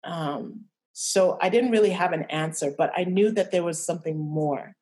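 Podcast guest: young woman, lowish voice, halting and reflective, frequent restarts. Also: dark tone. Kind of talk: candid personal interview.

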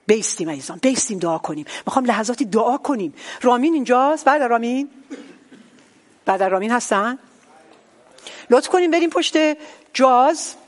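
A woman pastor leading a worship service in fervent prayer, calling out with urgent, repeated praise and rebuke. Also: on the high side.

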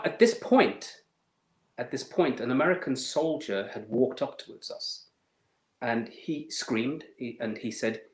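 Softly told, reflective man in an echoey room. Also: mid-range voice. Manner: measured, emotional storytelling with many fillers. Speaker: interview guest. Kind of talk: personal testimony in an interview.

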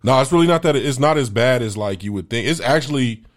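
A young man on a podcast, talking loose and full of slang. He is quick to crack jokes and keeps the chat relaxed, in an average-pitched voice. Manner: slangy, joking, puts on voices for laughs. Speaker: podcast co-host. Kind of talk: casual chat.

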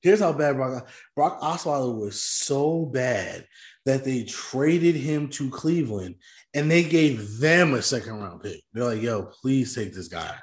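A man's voice: medium pitch, measured pace. Ranting man on a sports podcast. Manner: animated ranting, swearing, laughing often. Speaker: podcast co-host. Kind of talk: casual sports chat.

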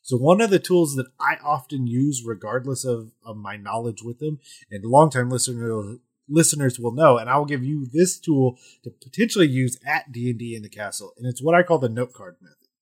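Slightly husky man chatting and explaining. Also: mid-range voice, lively intonation, fairly quick. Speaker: podcast host and game master. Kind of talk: casual explanatory chat about tabletop gaming.

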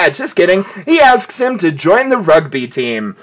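A podcast host with a playful, animated way of talking who laughs often, with faint music behind. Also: male voice, high voice, unhurried. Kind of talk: casual podcast chat.

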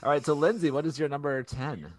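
A man's voice: fairly high pitch, fast talker, no room sound. A man hosting a casual podcast chat, rambling with frequent restarts. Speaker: podcast host.

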